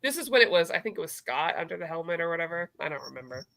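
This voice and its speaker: A woman with a bright, forward voice co-hosts a casual comic book chat. She is gushing and enthusiastic, and slips into quoting characters as she retells the story. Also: lowish voice, very animated, very fast, gravelly. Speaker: co-host of a comic book review show.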